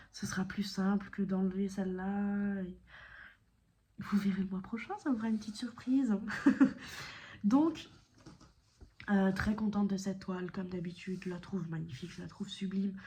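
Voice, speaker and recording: A woman's voice: mid-range voice, mellow, a little hiss or hum. A woman chatting casually about her cross-stitch projects, rambling with many fillers and self-corrections, sometimes dropping to a whisper. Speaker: cross-stitch video creator.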